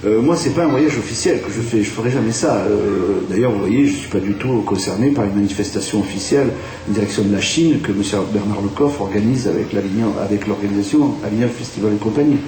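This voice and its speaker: Speaking fast in a dark voice on the low side, a man from France who directs theatre is interviewed on radio, with many fillers and restarts. His first language is French, and the recording comes from a distant, echoey room with faint hiss.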